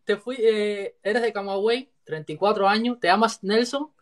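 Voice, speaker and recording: A man interviewing a guest in a relaxed, brotherly way with short reactions. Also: high voice, moderate pace. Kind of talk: casual interview questions.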